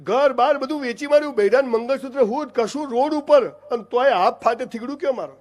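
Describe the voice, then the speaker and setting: Man, Gujarati accent, middle-aged, high-pitched, emphatic motivational speech, direct address to the crowd. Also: a little fast, a little mellow. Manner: emphatic, addresses listeners as "saheb" and "boss". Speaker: motivational speaker.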